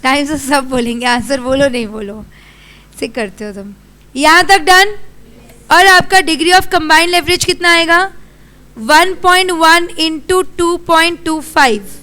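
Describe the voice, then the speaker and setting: Indian woman, teacher, high bright voice, quizzing and scolding students, classroom lecture. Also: slow.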